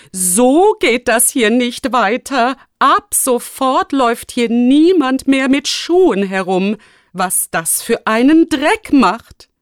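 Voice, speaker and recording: A fussy, germ-obsessed male school principal from a children's audiobook, put on by a woman reader. He talks high, loud and slowly stretched out, fretful and overbearing. The voice is dry and close, with no room around it. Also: dry recording. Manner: strident, barking orders, then whimpering.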